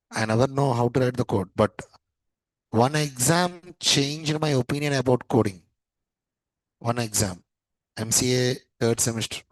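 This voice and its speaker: A man's voice: mid-range voice, dry recording, poor audio. A man in his thirties with an Indian English accent, lecturing a class in a chatty way and often repeating his phrases. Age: 30s. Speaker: teacher.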